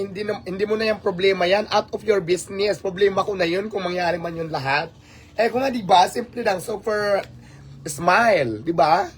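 A man's voice: high-pitched, a little hiss or hum. A man from the Philippines with a Filipino accent, talking casually to his live-stream viewers, exasperated and rhetorical, dropping English phrases into his speech. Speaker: livestream host.

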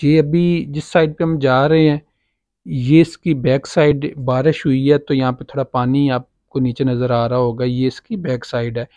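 Out on a farm, a man with a Pakistani Urdu accent tours a farmhouse as a property agent, casually indicating features and leaning on fillers. His delivery is flat and moderately paced, his medium-pitched voice dark, and there is no echo.

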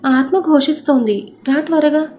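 A woman's voice: high-pitched, moderate pace, a little mellow, pitched above the performer's own voice, lightly acted. A woman storyteller voicing a rich, arrogant young man who teases, then makes blunt proposals. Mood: teasing.

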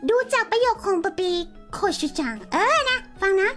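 A woman's voice: very high-pitched, lively intonation, moderate pace, fairly bright tone, soft background music. A woman streamer playing an English teacher, theatrical and exaggerated in a playful chat.

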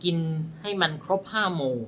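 A man's voice: moderate pace, pushed and bright, a little hiss or hum. Blunt, rambling male palm reader. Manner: blunt, rambling, self-correcting, pointing at his palm. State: dry throat. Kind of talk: casual explanatory talk.

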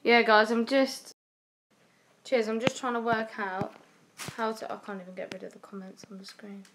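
Holding her phone at arm's length, a young adult woman streams herself exploring an empty, abandoned house as an urban explorer vlogger. Her voice sits on the high side with a level tone and moderate pace, nervous and whispery, against a noisy background.

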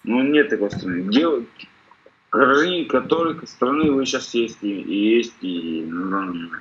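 A middle-aged man on a video call keeps hammering the same questions and insists on a straight answer. His voice is of ordinary pitch, and it comes through a somewhat dull, lo-fi call line. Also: sing-song, a little slow, a bit bright. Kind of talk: heated casual argument.

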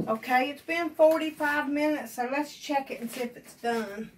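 A woman in her sixties with an Appalachian accent hosts a casual cooking vlog from her home kitchen, folksy and teasing, laughing often. Her voice is high and her speed normal, with a noisy background behind her.

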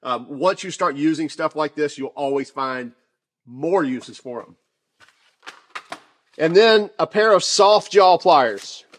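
A man casually reviewing shop tools off camera, talking in a chatty, relaxed way with many fillers and restarts. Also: fairly high pitch, slow, long pauses. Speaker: tool reviewer.

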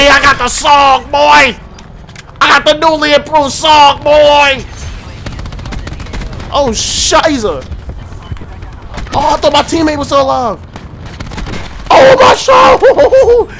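Young man, gameplay commentary, trash talk, very high pitch, faint game noise. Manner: excitable trash talk with frequent laughing. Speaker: gaming YouTuber. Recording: faint game gunfire behind. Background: gunfire.

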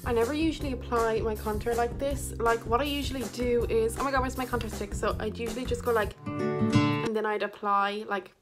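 A young woman with an Irish accent rambles through her makeup routine in a bedroom, goofy and chatty, breaking into loud silly outbursts now and then. Her voice sits high, and music plays clearly underneath. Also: fairly even intonation, brisk. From Ireland. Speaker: vlogger. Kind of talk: casual makeup vlog chat.

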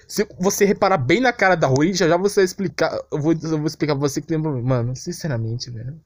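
Unscripted and full of slang, a young Brazilian man rants about anime in an exasperated, complaining tone for his commentary vlog. His voice is a little high, and no room sound comes through.

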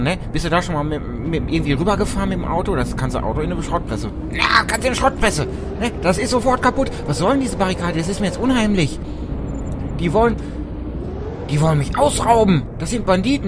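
A man commentating a video game for his channel, rambling and joking in a mock-dramatic way with sudden loud outbursts. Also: a little high. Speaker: let's play host. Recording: noisy game audio behind voice.

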